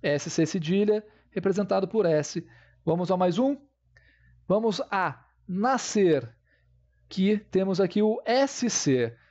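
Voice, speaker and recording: A man's voice: high voice, animated, slow, darkish tone, lo-fi sound. A man teaching a grammar lesson, explaining step by step and checking in with his viewers.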